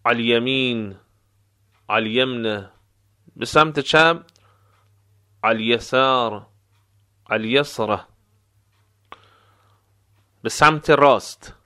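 Man, language teacher, bright clear tone, slow deliberate drilling of phrases. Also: mid-range voice. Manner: drills phrases slowly, explains pronunciation. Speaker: Arabic dialect teacher. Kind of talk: language lesson with slow repetition.

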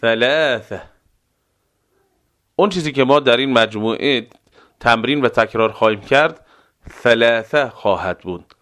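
A man teaching pronunciation as a language lesson, saying single words slowly and repeating them, with quicker explanations in between. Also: medium pitch, fairly bright tone. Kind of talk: slow pronunciation drill.

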